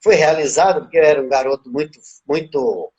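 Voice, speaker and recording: The recording is muffled as this relaxed man in his fifties, born in Minas Gerais and raised in Bahia, Brazil, recalls his past as an interview guest. He speaks in a rather high voice with a faint Bahian Portuguese accent, unhurried and conversational, often adding little questions to the listener in this casual life-story interview.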